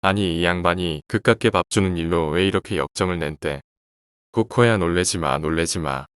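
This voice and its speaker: A sharp-tongued middle-aged housewife scolding and brushing others off, as a male narrator reads her lines. The voice sits very low. The sound is dry and close, with no room around it. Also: moderate pace, smooth, no echo, natural voice. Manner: scolding, dismissive. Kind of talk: horror story reading.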